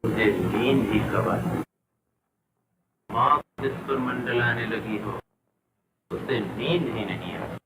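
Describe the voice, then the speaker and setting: An actor playing a sick, despairing husband and father who speaks slowly and wearily, in 1930s film acting. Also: fairly low pitch. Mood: weary, despairing. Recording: echoey, distant, noisy 1930s film sound.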